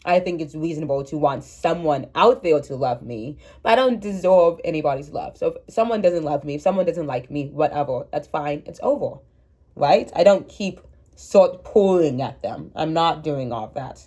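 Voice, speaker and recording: Chatting to her phone camera in a casual confessional style, a twenty-something vlogger rambles openly and laughs at herself. She has a deep, dark, congested voice that is expressive and moves at a moderate pace.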